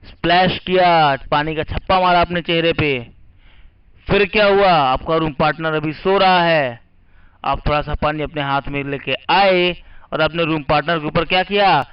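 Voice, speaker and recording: Teaching English vocabulary, a man spells out each word letter by letter and poses questions he then answers. His voice is on the high side and clean, at normal speed. The lo-fi recording sounds muffled.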